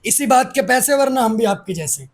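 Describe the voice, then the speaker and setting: A man's voice: extremely high pitch, animated, normal speed. A man, speaking aggressively and defiantly as the guest in a heated political interview. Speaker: interviewee, activist.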